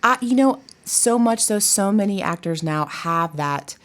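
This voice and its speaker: Appearing as an interview guest, a woman who teaches and directs theater talks in a casual, chatty, emphatic way, peppered with "you know," "like," and plenty of asides. Her mid-range voice has lively intonation and an unhurried pace.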